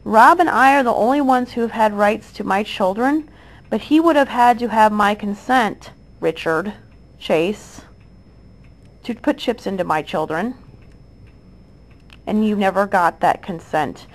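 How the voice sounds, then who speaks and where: A woman's voice: mid-range voice, animated, a little slow, rough recording. A woman in her thirties speaking straight to the camera, aggrieved and insistent, repeating herself with many restarts and fillers. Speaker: mother addressing accusers. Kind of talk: direct-to-camera monologue.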